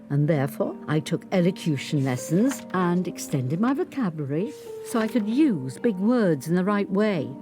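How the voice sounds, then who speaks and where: An actress, as an 85-year-old grandmother who survived abuse as a former footballer's wife, recounts her life with dignity in a measured, articulate, scripted first-person monologue. Her older voice has a fairly low pitch. Instrumental guitar plays under the studio recording.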